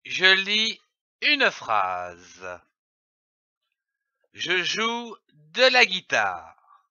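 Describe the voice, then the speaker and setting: A man teaching early reading, slowly sounding out and spelling letters and syllables one by one. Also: high-pitched, wildly swooping pitch, bright, forceful tone, no room sound. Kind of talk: slow instructional reading lesson. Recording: dull lo-fi dry recording.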